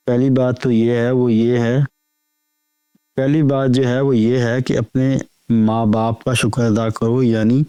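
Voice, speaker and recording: A man reading a Sufi spiritual lecture aloud in a measured, deliberate way, often repeating phrases. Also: medium pitch, warm tone, smooth, no room sound. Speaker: reader of spiritual talks.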